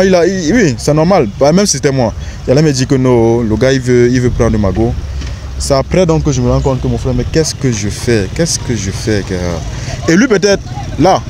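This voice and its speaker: A man's voice: mid-range voice, warm tone. A young man, talking in slangy, emphatic street style on a park bench. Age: young adult. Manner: slangy, emphatic, keeps saying "bro". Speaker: interviewee, content creator. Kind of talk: casual outdoor interview. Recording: faint outdoor street noise.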